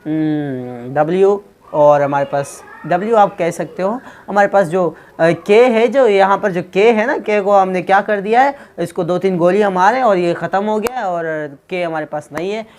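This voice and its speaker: A man's voice: high-pitched, moderate pace, few pauses, a little mellow. A man teaching English pronunciation in a casual video lesson, joking and teasing his viewers as he explains, and dropping English phrases into his talk.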